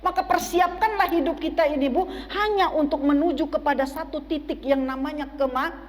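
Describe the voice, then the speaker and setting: A woman's voice: sits high, fairly quick, big-room sound. A woman preaching a sermon to a women's study group, often asking the audience questions. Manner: asks the audience questions and waits for replies. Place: mosque.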